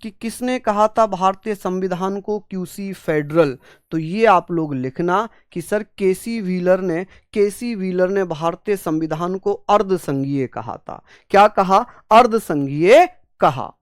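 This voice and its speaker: The high, smooth voice of a male exam-prep teacher comes through clean, echo-free studio audio at a slightly slow pace. In his online lecture he repeats points again and again, gives voice to student questions, and addresses the class fondly.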